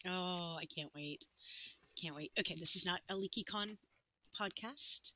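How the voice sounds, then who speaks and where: A woman's voice: fairly low pitch, pushed and bright, a little hiss or hum, rough recording. A woman co-hosting a podcast, chatting casually and playfully, laughing often. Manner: giggly, playful, quick to laugh. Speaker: podcast co-host. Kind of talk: casual chat.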